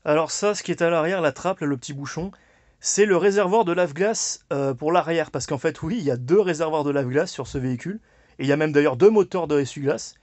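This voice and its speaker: A man's voice: on the high side, fast talker, darkish tone, no echo. A man casually showing his old four-by-four, chatty and loose, with lots of fillers and restarts. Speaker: car owner presenting his vehicle. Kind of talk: casual walkaround presentation.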